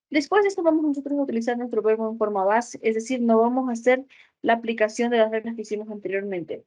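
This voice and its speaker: A woman teaching an English grammar lesson, explaining step by step and often checking with a quick "ok?". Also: fairly high pitch, mellow, poor audio. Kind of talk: recorded school lesson.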